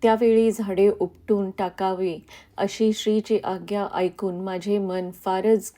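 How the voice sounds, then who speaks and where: A woman reading a devotional memoir aloud at a slow, measured pace. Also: medium pitch, level tone, warm tone. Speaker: reader.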